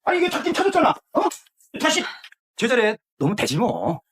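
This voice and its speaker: An actor voicing a weak-willed middle-aged uncle who fusses and soothes to avoid conflict in a dubbed TV drama. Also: male voice, very high voice, huge pitch swings, brisk, fairly bright tone, slight background noise, heavily acted. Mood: evasive, soothing. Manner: fussing, soothing, evasive.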